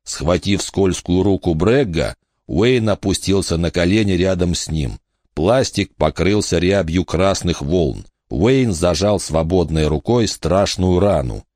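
Male narrator, steady measured audiobook reading, very low voice, dry close sound. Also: no room sound.

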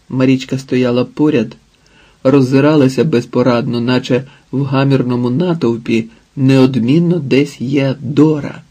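Slow, husky male audiobook narrator. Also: medium pitch. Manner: calm, measured, unhurried reading. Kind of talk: scripted narration.

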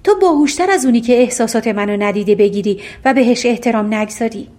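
A woman voicing a young fairy-tale princess who speaks frankly and questions her suitor, with a raised, lively pitch. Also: natural voice. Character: young princess, candid and sharp-witted.

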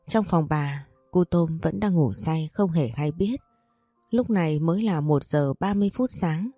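A woman reading a story in a steady, measured manner. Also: low voice, no room sound, faint music behind. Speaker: narrator. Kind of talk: scripted audiobook narration.

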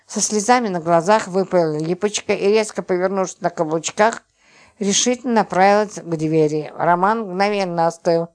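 A woman narrating an audiobook in a steady, expressive reading style. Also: on the low side, normal speed. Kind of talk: scripted narration.

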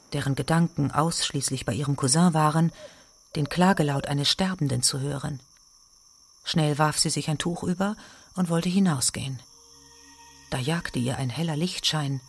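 A woman narrating a radio play in a hushed, suspenseful way. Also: deep voice, normal speed, slight background noise. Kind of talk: scripted narration.

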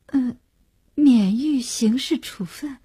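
A woman's voice: a little high, unhurried, darkish tone, slightly rough, dry recording, clean studio sound. A woman voicing an anxious young woman journalist who asks urgent, pleading questions.

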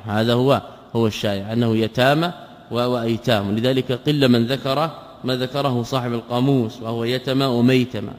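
A male scholar teaching a classical text. He asks himself rhetorical questions, answers them, and slowly repeats words and patterns for emphasis. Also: mid-range voice. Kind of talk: lecture explaining a classical text. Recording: long hall reverb.

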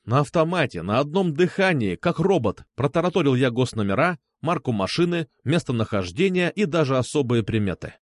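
A man's voice: medium pitch, very animated, a little fast, few pauses, dry recording, clean studio sound. A man narrating a tense first-person audiobook story in a dramatic manner.

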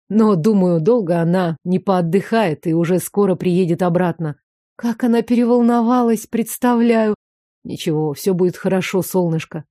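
A young man with a low, warm, soothing voice, put on by a woman narrator. He speaks calmly and patiently, as if settling an upset child. The sound is dry and close, like a storybook audiobook. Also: no room sound, lightly acted. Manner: calm, soothing.

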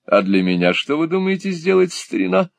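Male reader as a brash theatrical actor; bluster, lively pitch swings. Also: a little fast, creaky, dry recording. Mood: hearty. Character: brash swaggering male actor, a stage tragedian.

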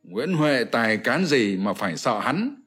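A man's voice: medium pitch, very animated, unhurried, fairly bright tone, slightly rough, soft background music, heavily acted. A man voicing a proud, ruthless warlord who speaks in a commanding, scornful way, in an audiobook. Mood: stern.

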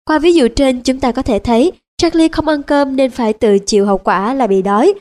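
A woman reading a nonfiction audiobook as narrator, in an even, measured way. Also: high voice. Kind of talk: scripted narration.

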